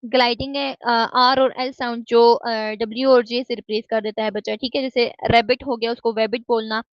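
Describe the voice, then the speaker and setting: A woman's voice: on the high side, fairly even intonation, normal speed, dry recording. Woman lecturer checking "theek hai?" often. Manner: explains step by step, keeps asking "ठीक है?"; mixes English terms into Hindi-Urdu speech. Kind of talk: recorded lecture. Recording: dull, dry lo-fi recording.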